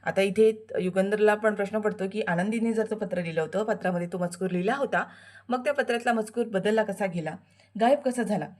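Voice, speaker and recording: A woman narrates a television serial recap as a voice-over, chatty and direct with her listeners. Her voice sits at an average pitch for a woman. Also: fairly quick, darkish tone.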